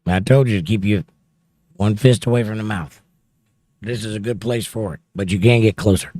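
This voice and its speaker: In a lowish, dark-toned voice at a moderate pace, a man reads viewer comments aloud while hosting a relaxed livestream and chats about them. There's no echo, and he speaks into a close studio mic held near his mouth.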